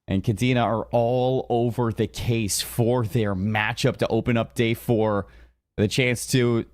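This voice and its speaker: A man commentates on a live esports match in a medium-pitched voice. He follows the action as it happens and breaks down the tactics of each team. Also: fairly even intonation, a little slow.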